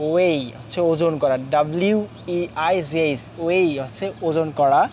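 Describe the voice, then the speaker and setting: A man teaching a spoken English lesson, drilling spellings quickly in Bengali and speaking halting English with many fillers. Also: a little high, darkish tone, a little hiss or hum.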